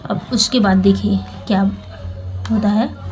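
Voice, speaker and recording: A woman teaching English from a children's story, taking each phrase at a very slow, careful pace. She reads a line, then goes back over it word by word with steady patience. Soft music plays faintly behind her. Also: mid-range voice.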